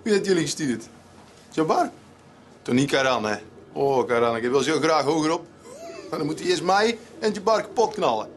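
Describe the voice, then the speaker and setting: An actor playing a menacing, mocking criminal in a gangster film, questioning people in blunt, taunting bursts. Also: male voice, on the high side, animated, moderate pace, pauses often, a little hiss or hum, lightly acted. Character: menacing, mocking male criminal interrogating two young intruders. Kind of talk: film acting, gangster crime comedy.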